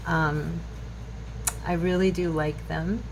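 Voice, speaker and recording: A woman in her fifties, who hosts a craft channel, talks casually through a tutorial at her craft table at home, rambling and thinking out loud. Her voice is on the low side, with fairly even intonation and a slow pace. The home recording is clearly noisy.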